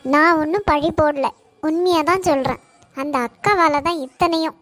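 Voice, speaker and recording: A woman voicing a hot-headed college girl in a cartoon, accusing and shouting. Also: high-pitched, normal speed, dry recording, faint music behind. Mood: angry. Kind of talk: Tamil cartoon voice acting.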